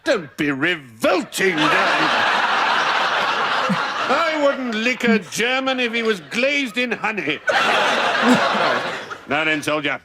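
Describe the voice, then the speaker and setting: A booming, pompous old general who bursts into braying laughs. His voice sits high and carries over a steady hiss of background noise from a played-back TV clip. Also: slow pace, pauses often, exaggerated voice. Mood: blustering. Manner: loud braying laughs, bombastic. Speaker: general in a TV comedy.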